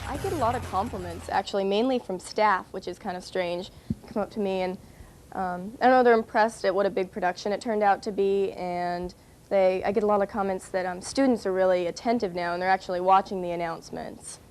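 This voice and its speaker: A woman's voice: mid-range voice, steady tone, brisk, darkish tone, faint music behind, rough recording. A young woman answering an interview casually, with hesitant fillers.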